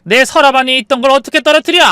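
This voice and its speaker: Guy playing an angry old mom-in-law, high voice shooting up and down. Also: sing-song, brisk, bright, forceful tone, smooth, no echo, studio quality, full character voice. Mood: outraged. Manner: shrill protesting outbursts. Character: indignant older mother-in-law, sharp and wounded.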